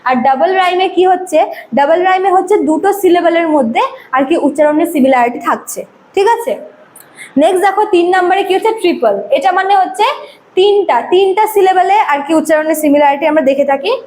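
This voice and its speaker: High-voiced woman teaching a class. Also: normal speed, a little mellow. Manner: explains step by step, repeats points, checks understanding; frequent hesitation fillers. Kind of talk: online coaching lecture.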